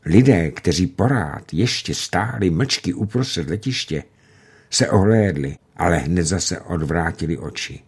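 A man narrating a novel in a measured, dramatic reading voice that slows for tense moments. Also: sits low, lively intonation, breathy edge. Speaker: audiobook narrator.

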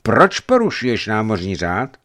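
A man voicing a stern, commanding sea captain in a storybook reading, with a raised, forceful delivery. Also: mid-range voice, very animated, voice pushed up.

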